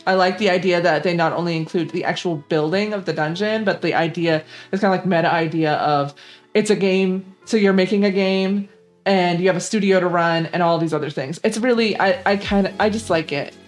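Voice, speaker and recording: A woman's voice: lowish voice, brisk, faint music behind. A young woman hosting a gaming channel, chatting casually and rambling with lots of fillers about games she likes. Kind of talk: casual gaming vlog commentary.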